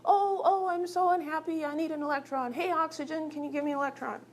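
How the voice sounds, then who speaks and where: A woman voicing a needy little hydrogen atom in a squeaky, pleading, childlike voice for a classroom lesson. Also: fairly even intonation, fast talker, lightly acted. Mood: whiny.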